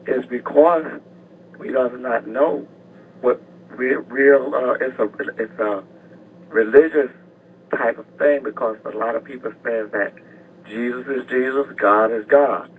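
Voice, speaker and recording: Older guy phoning a radio show, distant noisy line, rambles and stumbles over his words. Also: mid-range voice. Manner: halting, rambling, repeats words. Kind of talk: rambling live radio call-in.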